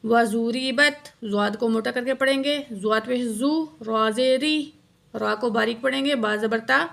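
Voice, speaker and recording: Woman teaching quran reading slow and patient, bit high pitched, some fry in her voice. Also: a bit bright. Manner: patient, explaining letter by letter; slow drawn-out recitation of verses. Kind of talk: word-by-word tajweed lesson with slow recitation.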